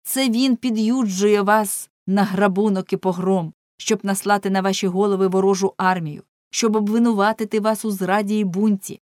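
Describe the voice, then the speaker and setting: A woman voicing a fiery young male prankster who loudly and urgently harangues a crowd. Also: mid-range voice, no room sound, studio quality, lightly acted. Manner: loud, urgent, indignant preaching.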